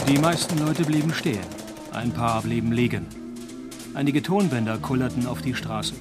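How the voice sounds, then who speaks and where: Actor playing a deadpan noir private detective. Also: male voice, mid-range voice, natural voice. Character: cynical, wisecracking male noir private detective. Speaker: narrator and lead actor of a detective radio play. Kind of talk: noir detective parody radio drama, first-person narration.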